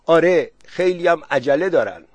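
A man's voice: fairly high pitch, animated, dry recording, pitched above the performer's own voice. A man voicing a stubborn, matter-of-fact village man. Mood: firm.

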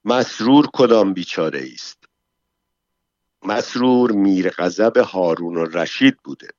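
A man's voice: deep voice, lively intonation, a little mellow, dry recording. A man voicing a young male guard who speaks in a muffled, brooding voice. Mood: sheepish.

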